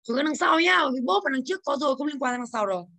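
A woman English teacher in a classroom, drilling her students with quick questions and telling them to speak up. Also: high voice, lively intonation, pushed and bright.

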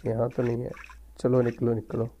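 A man's voice: mid-range voice, completely flat delivery, fairly quick, dull audio. A man with a sore throat, muttering casual gameplay commentary as he plays and taunts the game character. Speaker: gaming YouTuber.

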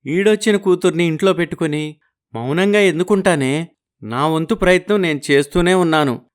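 A man's voice: on the high side, a little fast, clear, resonant tone, natural voice. A man voicing a poor, worried village father who speaks humbly and pleads respectfully. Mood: weary. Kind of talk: audio story acting.

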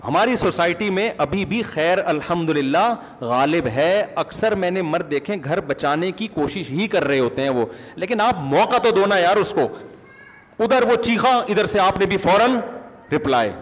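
Man, religious scholar, conversational lecture, fairly high pitch, long reverberant hall. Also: lively intonation, moderate pace. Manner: conversational, asks listeners questions.

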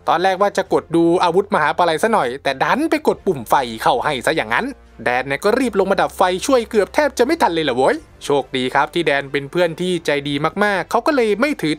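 A man narrating a movie recap in a casual, slangy way, talking to viewers as friends. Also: a little high.

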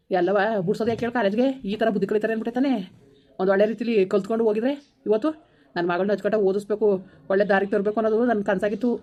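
A woman's voice: mid-range voice, a little mellow, lo-fi sound, lightly acted. A woman playing a proud, furious village father who scolds harshly in a village comedy skit. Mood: bitter. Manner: harsh, scolding, rapid outbursts.

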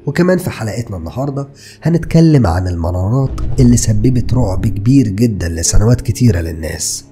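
Egyptian man narrating horror tales, fast and lively. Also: on the low side, faint music behind. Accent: Egyptian Arabic. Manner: dramatic, lively storytelling with sudden hushed words. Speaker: horror storyteller host. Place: dark indoor studio. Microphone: desk mic close to mouth.

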